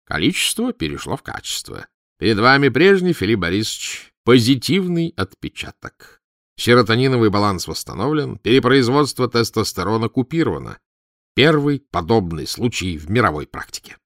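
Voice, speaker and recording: A man's voice: medium pitch, big pitch swings, moderate pace, fairly bright tone, dry recording, clean studio sound. A man voicing a smug, self-satisfied male chief doctor who talks proudly. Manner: proud, gloating.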